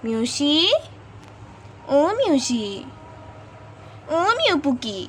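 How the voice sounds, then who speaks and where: High-voiced woman cooing to a cat. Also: sing-song, extremely slow, a little hiss or hum. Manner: coaxing, sing-song pet talk. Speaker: pet vlogger. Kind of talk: baby-talk to a cat with asides to viewers. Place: home indoors.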